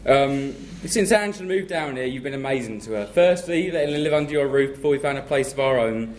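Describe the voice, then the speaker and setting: A young man from England, speaking as the groom at his wedding reception, joking and then thanking family warmly. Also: mid-range voice, expressive, brisk. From southern England. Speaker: groom giving a wedding speech. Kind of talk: wedding speech to guests. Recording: loud crowd and noise at a reception. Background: laughing guests.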